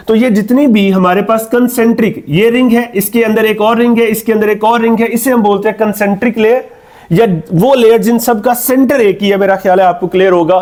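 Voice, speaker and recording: A man's voice: sits high, a little mellow. A man with a Pakistani Urdu accent teaching a biology lesson. He keeps asking the class questions, answers them himself, calls students "son" and repeats key terms in English. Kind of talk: classroom lecture.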